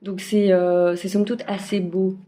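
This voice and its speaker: Woman card reader, casual forecast, halting with fillers, mellow tone, phone-recorded. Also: mid-range voice, level tone. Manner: hesitant, many fillers and restarts. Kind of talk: casual weekly energy forecast. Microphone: phone camera.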